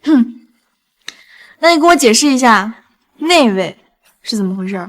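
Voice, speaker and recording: A commanding young heiress, cold and scornful, as an actress plays her. Her voice sits fairly high in this drama series. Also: expressive, moderate pace, natural voice.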